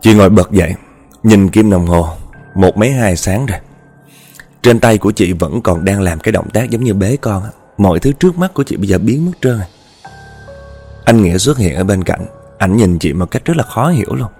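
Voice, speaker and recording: A man's voice: on the low side, animated, normal speed, mellow. A man with a Southern Vietnamese accent narrating a horror story, chatting directly to his listeners. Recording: faint background music.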